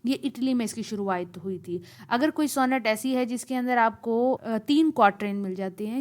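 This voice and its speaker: A woman lectures on poetry, her voice sitting a little high. She walks through each point step by step. She reads sample lines of verse aloud, pressing hard on the stressed syllables. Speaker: literature teacher.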